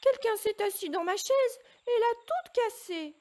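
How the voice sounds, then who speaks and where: A tiny bear cub cries out in a squeaky, shrill little voice, pitched far above a normal speaking voice, as a woman reading a storybook puts it on. The cub's voice is loud and piercing, slowed and emphatic. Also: animated. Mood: indignant. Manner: crying out in a shrill high voice.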